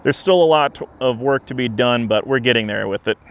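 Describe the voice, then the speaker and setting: A man speaking in an earnest, measured, plain-spoken way, giving an informal update to camera as a museum director outdoors. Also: medium pitch, clean tone. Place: outdoors beside a trail, with traffic and wind. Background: traffic and wind.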